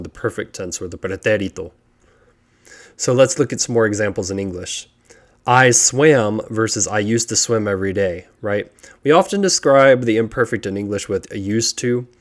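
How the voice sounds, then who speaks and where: Methodical man teaching verb endings. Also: fairly low pitch. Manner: methodical, chants conjugation patterns. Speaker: language teacher. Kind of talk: tutorial narration over slides.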